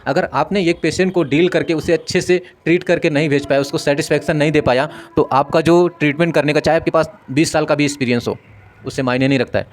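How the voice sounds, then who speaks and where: A man's voice: on the high side, fairly even intonation, quick pace, slight background noise. A man lecturing paramedical staff in an earnest, repetitive way, acting out sample dialogues with patients. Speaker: medical instructor.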